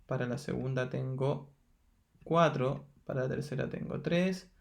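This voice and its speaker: A man's voice: medium pitch, unhurried, gravelly. A man teaching a math lesson in Chilean Spanish, patiently counting through each step aloud and checking in with his students. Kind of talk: recorded lesson explaining exercises.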